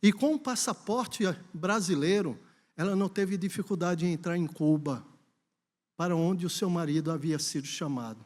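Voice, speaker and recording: Speaking at normal speed in a voice that sits high, a Brazilian man delivers a sermon as pastor at a church conference. A story comes first, followed by emphatic encouragement to the congregation, all under a long hall reverb.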